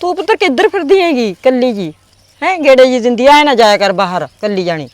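An older woman with a Punjabi accent plays an aunt in a village family drama. She speaks gently and evasively, and her voice sounds dry with no room echo. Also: sits high, expressive, brisk.

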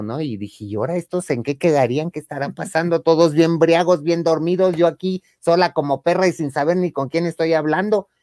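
A man with a Mexican accent telling a comic anecdote in a campy, theatrical way, acting out the women he quotes in a higher voice and laughing often. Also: darkish tone, dry recording, studio quality. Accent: Mexican Spanish. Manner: laughs often mid-story. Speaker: storyteller on a chat show.

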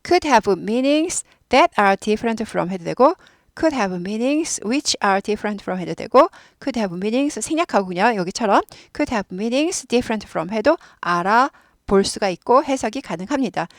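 A woman's voice: medium pitch, animated, takes it slowly, dry recording, studio quality. A woman with a Korean accent, explaining English grammar patiently and repeating words so listeners can drill along. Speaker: English teacher.

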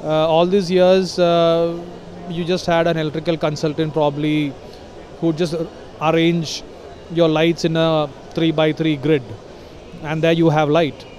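A man's voice: fairly high pitch, little pitch movement, a little slow, darkish tone. A man, a lighting consultant explaining his work at a busy expo hall with many hesitations. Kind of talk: trade show interview. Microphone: handheld mic from interviewer.

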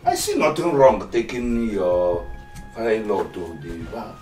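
An actor with a Nigerian accent playing a blunt, practical village friend who scolds and brushes off worries in a Nollywood film. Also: male voice, lowish voice, big pitch swings, measured pace, a little mellow, faint music behind. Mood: scolding. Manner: dismissive, scolding. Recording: echoey room, distant from mic.

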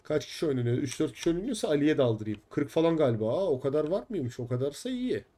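A man's voice: fairly high pitch, very animated, quick pace, warm tone. Frustrated young man streaming a game. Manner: frustrated, swears often, chats with viewers. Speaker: gaming streamer. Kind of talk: live game stream chat.

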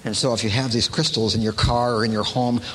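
A man giving a lively sermon-style talk, animated, often mimicking others in a high mocking voice. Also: fast talker. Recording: long hall reverb, faint background noise.

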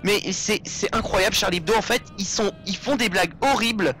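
A man's voice: sits high, a little fast, sharp tone, faint music behind. A young man giving casual, rambling gameplay commentary, joking and swearing as he plays. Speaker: let's play commentator.

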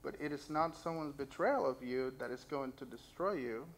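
At normal speed and medium pitch, a young man preaches from a church sanctuary pulpit, recounting his story and reading scripture aloud with earnest emotion. The low-quality recording, taken through a stand mic and a far camera, has slight background noise.

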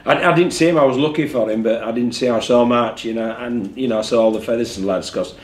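A medium-pitched man talks quickly and frankly as a rugby league head coach after a match, repeating words as he gathers his thoughts. A desk mic sits in front of him, and the room is echoey with a faint hum.

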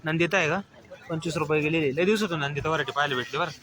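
A man with a high voice, brisk and clipped, quizzing farmers one after another. He echoes every answer back as a question before moving on. Loud open-air market bustle fills the background. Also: noisy background. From Maharashtra. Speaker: market reporter vlogger. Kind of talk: quick on-the-spot interviews with farmers. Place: outdoor vegetable wholesale market.

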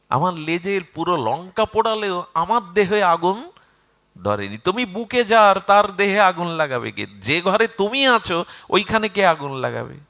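A man's voice: mid-range voice, fairly bright tone. A man voicing a mighty male monkey deity who is a devoted servant, taunting at first and later humble and pleading, in a devotional storytelling.

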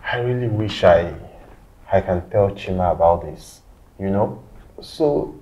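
A man's voice: low-pitched, a little slow, dark tone, muffled recording. An actor playing a troubled, guilt-ridden young man in a film drama, hesitant and subdued, with a Nigerian accent. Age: young adult.

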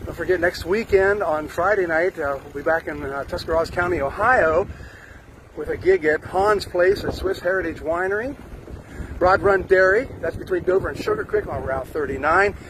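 A man's voice: high voice, moderate pace. Chatty older man on a bike ride. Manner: chatty and upbeat, many "uh" fillers. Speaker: musician vlogger. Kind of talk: casual vlog update. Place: outdoors on a sunny street, riding a bike. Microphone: phone camera held close. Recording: faint wind noise outdoors.

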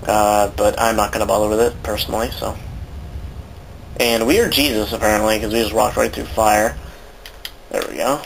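A man's voice: on the low side, steady tone, moderate pace, creaky, long pauses, a little hiss or hum, poor audio. Rambling, cussing man doing game commentary. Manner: rambling, swears casually. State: sore throat. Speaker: let's play commentator. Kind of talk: casual gameplay commentary.

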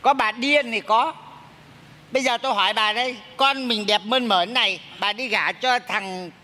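An actor playing a bumbling middle-aged exorcist master, scolding and theatrical on a theater stage. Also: male voice, very high voice, normal speed, sharp tone. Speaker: spirit medium in a stage comedy sketch. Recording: stage sound with hall reverb and hiss.

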